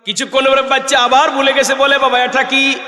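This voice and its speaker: A man with a Sylheti-tinged Bengali accent preaching a sermon in a sing-song style that swells into shouts. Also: extremely high pitch, monotone, a little fast. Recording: echoey hall, amplified.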